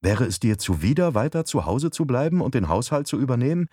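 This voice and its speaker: A man voicing a calm, persuasive young wife in an audiobook, raising his pitch and speaking gently. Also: fairly quick, breathy edge, no room sound, studio quality. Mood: coaxing. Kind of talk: audiobook dialogue.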